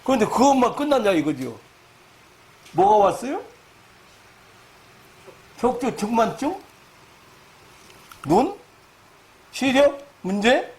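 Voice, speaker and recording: A man preaching a sermon lecture as a pastor, halting with fillers, then rising loud and high to stress his points. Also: very animated. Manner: halting, many fillers and restarts.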